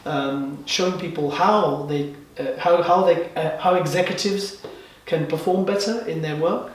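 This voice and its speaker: A man born in Kenya and raised in England, answering interview questions in a measured way with frequent pauses. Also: a little high, far from the mic. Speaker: guest, life and business coach. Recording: very echoey room, away from the mic.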